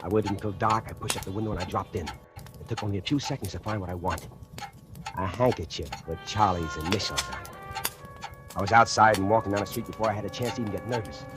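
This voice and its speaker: Speaking quickly in a fairly low voice that sounds close to everyday talk, an actor portrays a factory worker narrating his murder plot. The mood is sly, confiding and gloating, in 1940s radio acting style, from an old broadcast that includes music.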